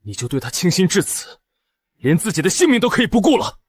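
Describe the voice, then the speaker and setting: A blunt young officer. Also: male voice, high voice, big pitch swings, fast, husky, no room sound, exaggerated voice. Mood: alarmed.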